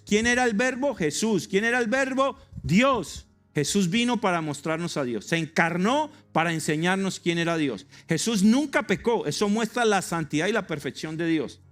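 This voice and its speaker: A male pastor preaching a sermon in an emphatic way, firing rhetorical questions with humorous asides to a congregation. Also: a little high.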